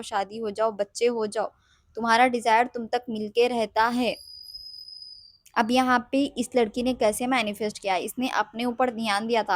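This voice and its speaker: A woman's voice: mid-range voice, no echo. A young woman who works as a manifestation coach tells a client's story in a casual, chatty way. She mixes in English phrases and often checks that her listeners follow.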